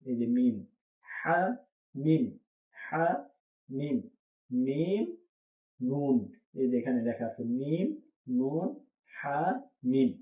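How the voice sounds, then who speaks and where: Letter by letter, a patient male teacher of Quran reading repeats each name pair slowly, stopping to ask whether it's understood. His voice is mid-range, and the recording sounds thin and phone-like with a hollow echo.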